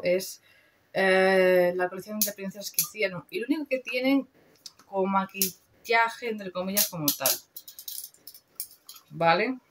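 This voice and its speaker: A young woman from Spain talks through a makeup haul in a loose, chatty way, full of slang and casual swearing. Her voice sits at an ordinary middle pitch. A faint hiss of background noise runs under the recording. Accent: Spain Spanish. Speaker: beauty vlogger. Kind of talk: casual product review.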